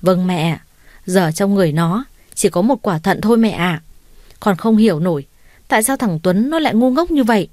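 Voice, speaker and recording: A woman reading a scheming, sharp-tongued young woman. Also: mid-range voice, lively intonation, normal speed, dry recording, clean studio sound, natural voice. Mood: indignant. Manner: cold, sharp. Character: scheming proud young woman, quick to anger.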